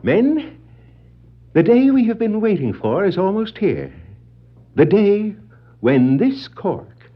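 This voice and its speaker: An actor playing a gleeful, scheming clown villain with cackling laughter in a theatrical, gloating manner, in the style of a 1960s superhero record. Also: male voice. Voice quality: high, cackling laughter and whoops. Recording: dull 1960s vinyl record dramatization.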